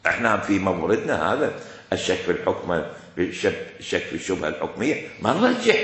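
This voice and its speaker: An Iraqi-accented man lectures a class with a lively, rising and falling delivery and a bright, forceful tone. He hammers points home with repetition and rhetorical questions. The room around him is heavily echoey. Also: a little high. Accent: Iraqi Arabic.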